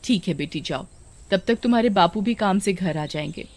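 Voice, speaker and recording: A woman's voice: medium pitch, expressive, normal speed, a little mellow. A woman voicing a caring middle-aged village mother in a storybook tale, speaking soothingly.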